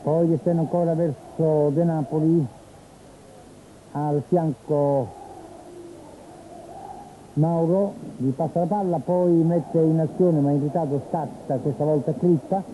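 Tinny, higher-pitched male football commentator. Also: fairly even intonation, slow pace, long pauses. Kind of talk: live TV football play-by-play commentary. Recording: tinny phone-like old TV broadcast, noisy stadium. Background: stadium ambience.

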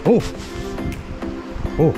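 A man's voice: drawn-out words, dull audio, over music. A man in his thirties from the United States, filming himself fly fishing outdoors on a river with a body-worn action camera and talking casually about each strike. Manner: excitable, exclaims at every strike, talks to the fish. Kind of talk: casual self-filmed commentary.

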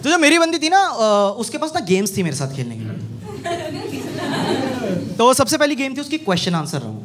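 A man's voice: extremely high pitch, a little fast, noisy background. A young man doing a stand-up set in a small comedy club, handheld mic, telling mocking stories with lots of energy. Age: young adult. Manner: animated, mocking storytelling. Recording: live club set with loud audience laughter.

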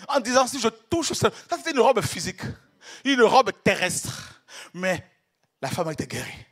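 A man with a high-pitched, sing-song voice preaches an ecstatic sermon at normal speed. Hushed murmurs give way to shouted cries, and in his fervor he repeats and stumbles over words.

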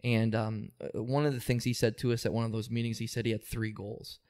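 A man's voice: mid-range voice, flat delivery, a little fast, a little mellow. A man who works as an employment supervisor, explaining things steadily in an interview with frequent ums and small restarts. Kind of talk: interview answers.

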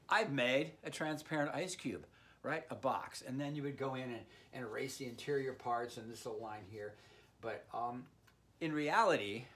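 A man in his sixties with a mid-pitched voice gives an informal, playful drawing lesson in an indoor room with art on the wall. Like a folksy art teacher talking to kids, he narrates as he draws and tosses in sound words such as boom and bing-bang.

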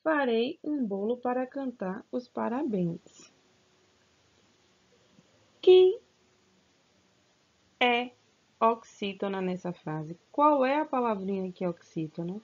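A woman's voice: fairly high pitch, expressive, measured pace. A woman teaching a recorded grammar lesson to children, stretching out words and coaxing them with questions. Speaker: school teacher. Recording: slightly dull, lo-fi sound.

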